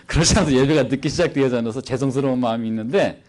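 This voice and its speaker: A man preaching as a missionary at a church service, animated and playful, quizzing the congregation into a handheld microphone. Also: medium pitch, fast talker. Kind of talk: sermon.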